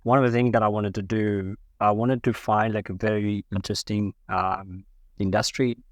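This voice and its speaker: A man's voice: fairly low pitch, flat delivery, normal speed, no room sound. A man from Sri Lanka who is a podcast guest, answering casually with many ums and restarts. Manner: hesitant, many fillers and restarts.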